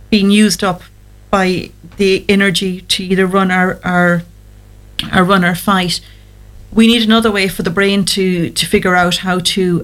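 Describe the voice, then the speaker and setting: A woman speaking as a guest therapist, giving explanatory advice in an interview. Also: lowish voice. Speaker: guest anxiety therapist on a show.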